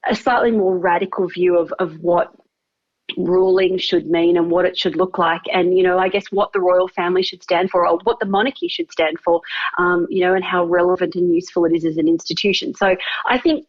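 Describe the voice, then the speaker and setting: A woman's voice: on the low side, fairly quick, highs cut off. A woman royal expert giving thoughtful, hedging answers in an interview.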